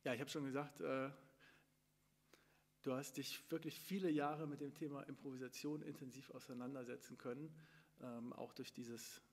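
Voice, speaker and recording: A man's voice: medium pitch, gravelly. Middle-aged man, moderator, hesitant with fillers, stand mic, long hall reverb. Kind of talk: live talk introduction and interview. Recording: long room reverb, from far camera.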